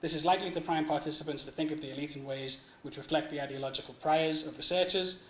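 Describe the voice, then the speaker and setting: A man's voice: fairly high pitch, fairly even intonation, fast talker, fairly bright tone. A young man giving an academic conference presentation on his doctoral research. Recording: echoey room with faint noise.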